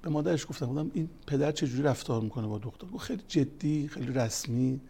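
A man with a medium-pitched, warm, slightly rough voice, lively intonation and some vocal fry gives a religious talk. As a family counselor and religious speaker, he weaves together counseling stories and scripture quotes, growing more emphatic as he goes.

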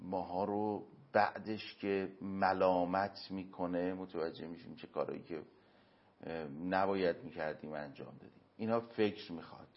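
Guy with a lowish voice giving earnest religious advice in an interview, dull lo-fi sound. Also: fairly even intonation. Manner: earnest, explaining with everyday examples and emphatic pauses. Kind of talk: moral teaching in an interview. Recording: dull lo-fi recording.

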